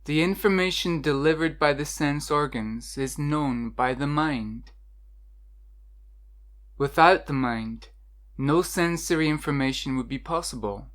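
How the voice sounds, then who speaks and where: With a medium-pitched voice, this guide reads a scripted meditation in a measured, instructive manner, leaving deliberate pauses.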